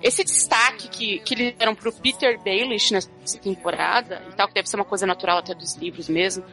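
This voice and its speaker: A Brazilian woman hosting a casual podcast, telling the story in an animated way with lots of swearing. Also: mid-range voice, fairly quick, soft background music. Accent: Brazilian Portuguese. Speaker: podcast host. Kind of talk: casual chat.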